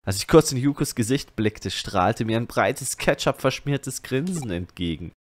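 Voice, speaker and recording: A man reading game dialogue and narration aloud as a let's player, lively and shifting between characters' lines. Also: medium pitch, moderate pace, a little hiss or hum.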